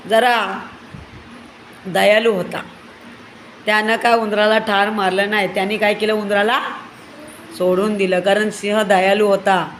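Bright-voiced woman telling a children's story. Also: fairly high pitch, slight background noise, low-quality recording. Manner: asks listeners questions, lively teacherly.

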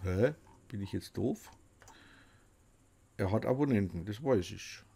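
A man's voice: lowish voice, measured pace, vocal fry, warm tone, slightly rough. A middle-aged man chatting casually and jokingly as host, talking to himself and to the viewer in reaction commentary. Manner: jokey, talks to himself and the viewer. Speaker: host presenting another creator's channel.

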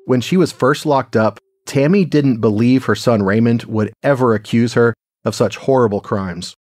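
A man from East Texas, a journalist and podcast host, reading scripted documentary narration in a measured, even way. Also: mid-range voice, no room sound, studio quality. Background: soft music.

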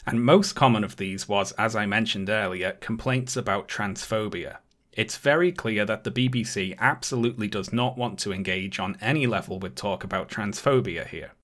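Indignant low-voiced man. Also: normal speed, fairly bright tone. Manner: sarcastic, indignant, emphatic. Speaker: video essayist. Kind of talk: scripted commentary.

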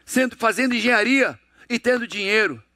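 Middle-aged Brazilian motivational speaker, high-pitched and dry, punchy rhetorical delivery. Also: male voice, animated, a little fast, no echo. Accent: Brazilian Portuguese. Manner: emphatic, rhetorical questions to audience; acts out dialogues in a lowered, hushed voice. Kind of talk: motivational lecture.

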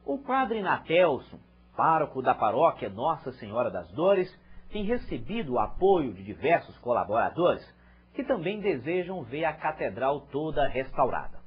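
A man's voice: on the high side, very animated, moderate pace, husky. A Brazilian man reading scripted news narration as a reporter. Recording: dull lo-fi TV audio.

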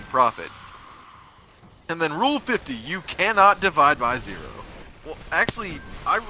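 Bright, forceful young man in game chat. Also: mid-range voice, slight background noise. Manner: crude, sweary joking. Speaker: online gamer.

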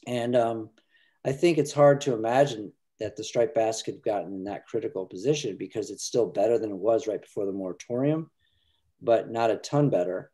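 A middle-aged filmmaker guest with a low-leaning, mellow voice discusses things casually on a webcam video call from his home. His speech is earnest and halting, with many restarted sentences.

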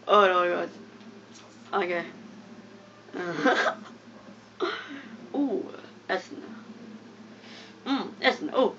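A young woman giving casual, excitable commentary while playing a game, mumbling one moment and yelping the next. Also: mid-range voice. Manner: excitable, giggly, swings from mumbling to loud yelps. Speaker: gamer. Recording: dull lo-fi home recording with faint noise.

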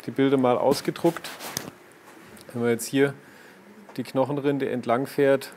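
Calm surgeon, plain clinical explanations. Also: male voice, mid-range voice, measured pace, a little hiss or hum. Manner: calm, matter-of-fact, reassuring. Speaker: trauma surgeon. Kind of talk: explaining findings to patients and camera. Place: hospital emergency ward.

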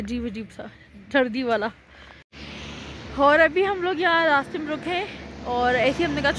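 Woman, 30s, travel vlogger, high-pitched, chatty, faint street noise. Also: a bit bright. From Pakistan. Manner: chatty, exclaims at the views. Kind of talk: casual vlog chat. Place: outdoors on a cold hill station street.

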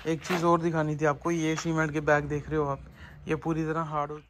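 Man, 30s, chatty factory-owner vlogger, slightly high voice, noisy handheld recording. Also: monotone, fairly quick, a bit bright. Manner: chatty, explaining things on the go. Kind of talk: casual vlog. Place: small tile factory and car.

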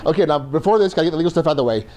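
A man's voice: on the high side, animated, racing, a little mellow, slight background noise. A man teaching a first aid class to a room, conversational and joking as he explains. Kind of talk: classroom lecture.

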